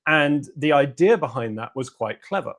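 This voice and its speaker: Gravelly-voiced man analyzing politics. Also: medium pitch, expressive, moderate pace, fairly bright tone. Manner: analytical and sardonic. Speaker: guest analyst. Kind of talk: political discussion interview.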